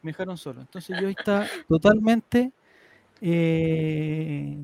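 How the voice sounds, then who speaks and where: High-ish guy telling a story, rambles a lot, dry close mic. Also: takes it slowly, vocal fry, darkish tone, dry recording. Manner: rambling, with restarts and laughs. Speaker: podcast host. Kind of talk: casual storytelling to co-hosts.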